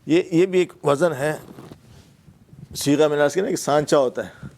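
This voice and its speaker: A man's voice: fairly high pitch, darkish tone, a little hiss or hum. A man teaching Arabic grammar of the Quran in a classroom lecture, with a Pakistani Urdu accent, explaining patiently and repeating key words with fillers.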